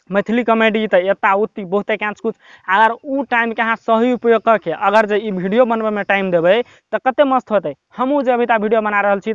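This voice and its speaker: A young man with a Maithili accent giving casual, rambling, encouraging advice to viewers, with lots of filler words, filmed by his brother in a quiet spot. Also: high voice, smooth, no room sound. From Nepal. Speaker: YouTube tips vlogger. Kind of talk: casual motivational talk to camera.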